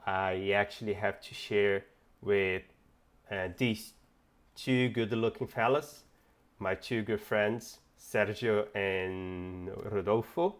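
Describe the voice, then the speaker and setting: A man's voice: lowish voice, flat delivery, slow, long pauses, clean tone. A young Brazilian man with a Brazilian Portuguese accent, telling a personal story in a casual, reflective way with hesitations and restarts. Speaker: fitness vlogger.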